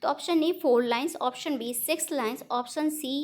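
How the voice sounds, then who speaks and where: A woman's voice: sits high, moderate pace, darkish tone. A woman teaching an online exam-prep lesson, explaining step by step in Hindi mixed with English terms and correcting herself as she goes.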